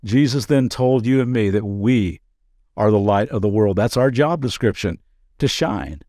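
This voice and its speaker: A man's voice: on the low side, normal speed, a little mellow, no room sound, clean studio sound. A man pastor giving a daily devotional podcast talk in an earnest, conversational way, with playful asides.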